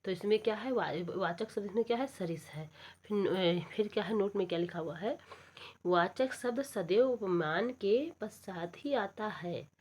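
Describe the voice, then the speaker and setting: A woman's voice: mid-range voice, lively intonation, a little mellow, husky. Woman teacher quizzing herself through a lesson. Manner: asks herself questions then answers, recites verses slowly. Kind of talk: exam prep lesson explaining poetry.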